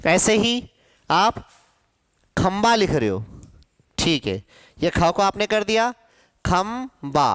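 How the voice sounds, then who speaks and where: A man teaching grammar to a class with a high, animated voice, drawing out each syllable at a slow, deliberate pace. He keeps asking questions and answering them himself. His voice is smooth and clear, recorded dry and close. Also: no room sound. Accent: Hindi, from central India. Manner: asks questions and answers them himself, repeating sounds slowly. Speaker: Hindi teacher.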